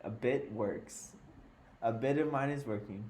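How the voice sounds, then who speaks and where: A man's voice: mid-range voice, unhurried, a little mellow, slight background noise. Man in playful sports banter. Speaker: podcast co-host. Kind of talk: casual sports chat. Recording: roomy echoey room.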